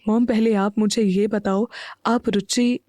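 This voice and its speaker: A woman voicing a calm, guarded young man speaking to his mother in an audio story, measured and quiet. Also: mid-range voice, dry recording, natural voice.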